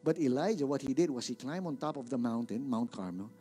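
A man's voice: mid-range voice, expressive, brisk, mellow. A male pastor with a Filipino accent preaching a sermon in a church, emphatic, repeating words and calling on the congregation to answer back.

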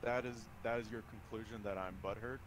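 A young man streaming on a headset, talking in a halting, measured way through a tense conversation. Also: lowish voice, steady tone, poor audio. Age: young adult. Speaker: livestreamer. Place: small plain indoor room. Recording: faint background noise.

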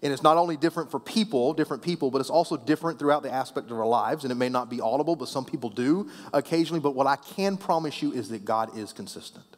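A man preaching a sermon as pastor, conversational and playful with the congregation, often dropping soft and low at the ends of phrases. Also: quick pace, hardly any pauses. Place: church sanctuary. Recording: long reverb of a church hall.

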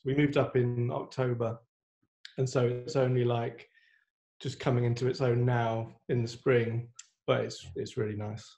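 A man's voice: mid-range voice, gravelly. A man in his thirties, a guest composer chatting in an easygoing way over a video call from home, on a laptop mic. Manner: relaxed, easygoing. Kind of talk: casual video-call chat. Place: room at home.

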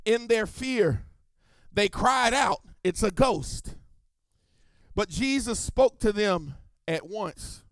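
High-voiced preaching pastor, dry sound. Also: male voice, animated, no room sound. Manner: preaching with sung, drawn-out emphasis on key phrases. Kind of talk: sermon.

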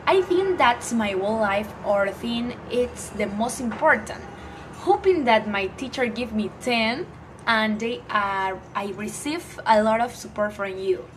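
This student vlogger, a teen from Ecuador and native Spanish speaker, gives a casual hello to the phone camera she holds at arm's length in a small room. She sounds animated, with a fairly high pitch, and her cheerful English comes out haltingly in an Ecuadorian Spanish accent as she searches for words. The recording is rough, with a little hiss or hum.

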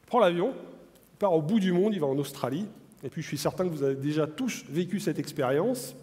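Man, 40s, keynote presenter, live demo, slightly high pitch, reverberant conference hall. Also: a little fast. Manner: animated, addresses the audience directly, many fillers. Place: large conference hall on stage.

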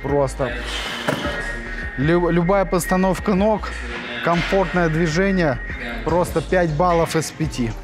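A man's voice: on the high side, takes it slowly, pauses often. A man in his thirties giving an enthusiastic, chatty walking tour of a large indoor gym, with frequent hesitant fillers as he shows the equipment. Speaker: fitness vlogger. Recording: music playing under the voice. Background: background music.

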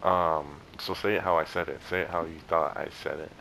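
A man's voice: a bass voice, steady tone, a little fast, creaky, pushed and bright, a little hiss or hum, rough recording. A young man in casual gameplay commentary, rambling and joking with friends on chat. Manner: rambling, joking, yelps and laughs at the game. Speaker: gameplay YouTuber.

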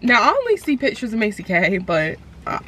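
A woman's voice: fairly high pitch, huge pitch swings, brisk, fairly bright tone, breathy edge. A woman in her twenties chatting casually, laughing often and using plenty of slang. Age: 20s. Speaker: vlog guest. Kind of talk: casual chat.

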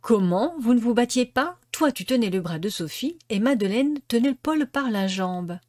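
A woman's voice: on the high side, lively intonation, moderate pace, a little mellow, dry recording, studio quality, voice pushed up, lightly acted. A woman doing a stern, worried mother. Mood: severe. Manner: severe, questioning.

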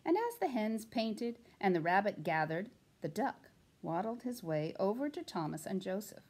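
A woman reading a children's picture book aloud in an expressive, animated way. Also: medium pitch, normal speed, husky. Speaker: storytime reader.

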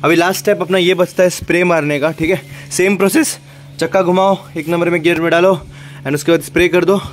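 A young adult man with an Indian accent vlogs casually into a phone held at arm's length, dropping English words into his speech as he moves between car, garage, home and gym. His voice sits high with a steady tone, he talks fairly quickly, and there's a little hiss or hum.

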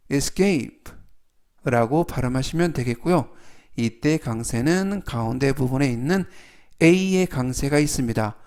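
A man's voice: medium pitch, a little mellow. A man teaching basic English words in Korean, repeating each word several times with care and explaining its meaning and usage step by step. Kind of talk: slow step-by-step vocabulary lesson.

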